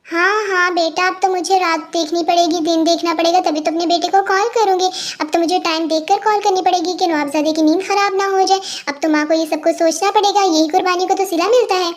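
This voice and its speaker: A woman voicing a sharp-tongued, dramatic middle-aged mother in a fan audio story, scolding and complaining. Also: very high-pitched, steady tone, brisk, few pauses.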